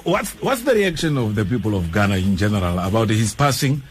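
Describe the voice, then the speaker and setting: A man working as a radio interviewer, putting questions in a conversational, halting way. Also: on the low side, sing-song, faint music behind.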